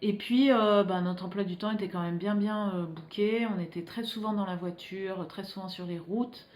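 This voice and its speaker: A woman from France talks casually to her viewers in a home vlog. She rambles, pausing and restarting often, at an ordinary pitch, and her voice rings in an echoey room. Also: darkish tone. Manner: rambling, many filler pauses and restarts. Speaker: illustrator vlogger.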